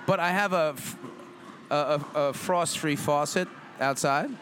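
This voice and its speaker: A man's voice: a little high, unhurried, a bit bright, slight background noise. A middle-aged man hosting a podcast, chatting casually in an upbeat, emphatic way that repeats phrases. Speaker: podcast host. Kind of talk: casual motivational podcast chat.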